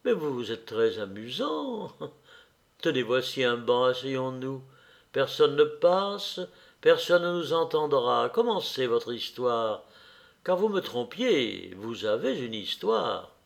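A man reading aloud as a curious, lonely young woman in a story, slow and questioning, with a gravelly voice. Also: mid-range voice, big pitch swings, full character voice.

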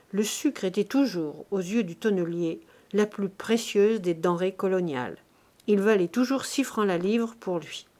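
A woman reading a classic novel aloud in a measured, even audiobook narration. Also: medium pitch.

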